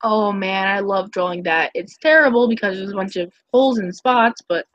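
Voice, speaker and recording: A young woman chatting casually on a live stream about her artwork, giggly and full of quick asides. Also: mid-range voice, a bit bright, dry recording. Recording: muffled lo-fi mic.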